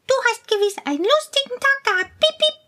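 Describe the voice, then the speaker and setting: Squeaky peeping mouse. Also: female voice, exaggerated voice. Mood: excited. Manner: rapid, excited chatter. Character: timid, chatty little female house mouse.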